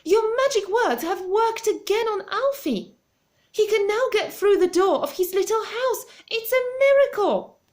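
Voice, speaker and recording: A woman voicing an excitable older lady neighbor in a storybook reading, with a shrill, breathless, gushing manner. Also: slow, creaky. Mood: overjoyed.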